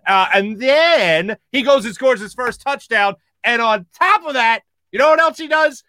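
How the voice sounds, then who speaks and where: Male sports-talk host, high and bright, energetic, quick asides, dry close sound. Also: dry recording. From Philadelphia area. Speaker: podcast host.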